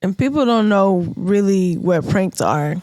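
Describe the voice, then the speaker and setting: A woman's voice: medium pitch, animated, measured pace, a little mellow, no echo, clean studio sound. A woman co-hosting a casual podcast chat, telling stories and laughing as she talks. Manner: storytelling, laughs while talking. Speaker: podcast co-host.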